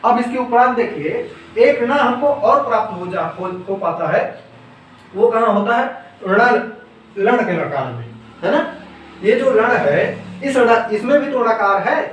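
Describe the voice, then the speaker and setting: A man with a high voice teaches grammar step by step, putting a question to his listeners and then answering it himself. He stands back from the mic in a strongly echoing room, with a faint hiss underneath. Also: animated, measured pace. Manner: asks questions and then answers them himself, repeating key terms. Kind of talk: explaining grammar rules step by step. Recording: echoey room, voice from some distance off the mic, faint noise.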